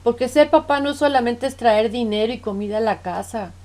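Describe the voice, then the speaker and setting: Woman playing a hurt middle-aged daughter confronting her parents; pleading, reproachful, voice sits a bit high. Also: a little fast, darkish tone, natural voice. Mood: bitter. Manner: pleading, reproachful, repeats "mamá".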